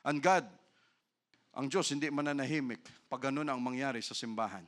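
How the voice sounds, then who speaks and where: A male pastor from the Philippines preaching a sermon, often tagging his lines with a questioning "no?" and drawing out key phrases slowly for emphasis. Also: medium pitch, a bit bright.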